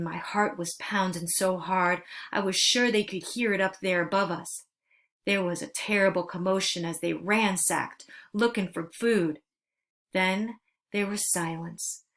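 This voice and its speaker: A woman narrating a storybook aloud, steady and earnest. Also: on the low side.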